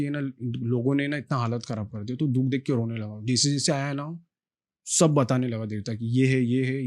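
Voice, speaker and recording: A man's voice: medium pitch, a little mellow. A young man, a podcast guest, telling a long personal story in a casual, earnest way, with lots of restarts and fillers.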